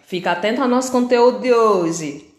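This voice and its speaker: A woman's voice: a little high, moderate pace, reverberant. A woman with a Brazilian Portuguese accent teaching an online language lesson, explaining step by step, asking the class questions and acting out comic-strip dialogue.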